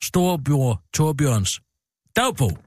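A man hosting a radio comedy show, reading a silly screenplay aloud in a deadpan, mock-serious way. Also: mid-range voice, dry recording, studio quality.

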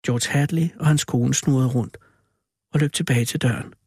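A man's voice: mid-range voice, darkish tone, husky, no echo, clean studio sound. A man voicing a male ape who tells a spooky story with dramatic, theatrical reading.

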